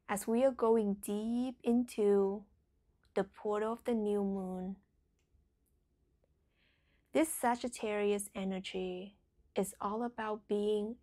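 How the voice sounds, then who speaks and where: A woman guides a meditation in a soothing, deliberate manner, her phrases trailing off into a breathy whisper. Her voice is warm and medium in pitch.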